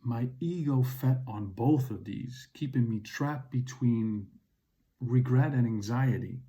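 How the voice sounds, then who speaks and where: Slow, mellow-voiced man reflecting. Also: mid-range voice. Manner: calm, earnest, unhurried reflection. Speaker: podcast host. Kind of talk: reflective personal monologue.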